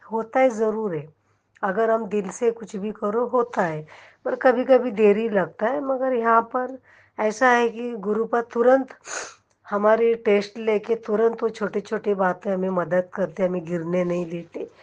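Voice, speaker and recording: A woman's voice: medium pitch, a little mellow, highs cut off. A middle-aged woman giving an emotional devotional testimony to a congregation, often turning to address her listeners directly.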